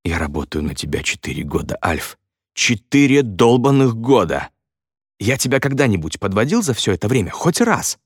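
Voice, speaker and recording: A flustered young builder, pitched up, rambling and pleading, voice swooping up and down, close and dry, as a male narrator puts him on. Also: big pitch swings, moderate pace, breathy edge, no room sound, exaggerated voice. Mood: desperate. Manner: rambling, excuse-making storytelling.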